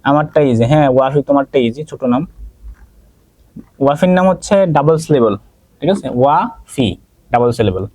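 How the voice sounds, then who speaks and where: A man's voice: medium pitch, animated, a little fast, pauses often, a little mellow, no echo. A male math teacher with a Bangladeshi Bengali accent, leading an online geometry class and checking in with students by name. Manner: checks in constantly with "ঠিক আছে?", asks and answers own questions.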